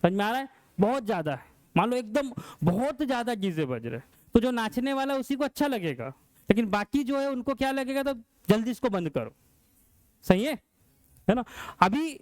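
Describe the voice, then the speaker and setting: A man's voice: extremely high pitch, expressive, normal speed, no echo. A male science teacher lecturing a class, asking questions and answering them himself.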